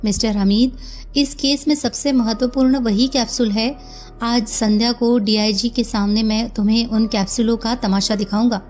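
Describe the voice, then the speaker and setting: A woman voicing a calm, probing male police detective who questions gently. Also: a little high, normal speed, soft background music, close to an everyday voice.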